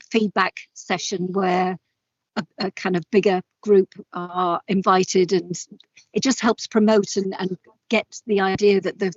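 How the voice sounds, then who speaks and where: A woman's voice: medium pitch, no echo, dull audio. A woman making an informal comment at a meeting, tentatively feeling for her words. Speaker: meeting participant giving feedback.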